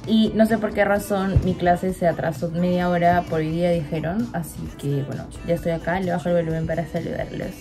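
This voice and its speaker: Speaking briskly with few pauses, this woman has a fairly low pitch and fairly even intonation, her voice echoing in the room over background music. A twenty-something from Peru with a Peruvian Spanish accent, she narrates her daily vlog chattily, upbeat and confiding.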